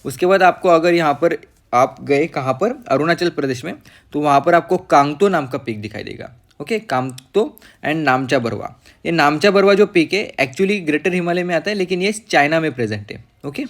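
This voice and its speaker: A man with a slightly high-pitched voice gives an exam-prep geography lesson from a map. He mixes English terms into his Hindi and checks in with "okay" after almost every point. He pauses with fillers and corrects himself as he goes. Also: animated. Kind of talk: map-based lecture.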